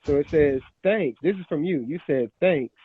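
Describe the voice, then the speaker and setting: A man arguing with his cousin, blunt and dogged, reading messages back slowly. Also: on the high side. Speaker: video creator. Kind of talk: heated argument. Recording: dull lo-fi sound.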